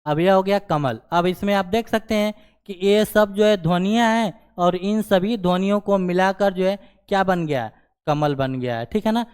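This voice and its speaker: A man's voice: sits high, normal speed, a little mellow, smooth. A man teaching a grammar lesson, explaining step by step and checking in with the class after nearly every phrase. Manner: repeats "ठीक है ना" as a check-in filler.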